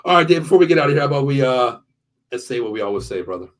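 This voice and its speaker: A man co-hosting a casual sports talk show, excitable and rambling, who gets hyped up as he talks. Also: medium pitch, rapid-fire. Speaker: podcast co-host. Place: home.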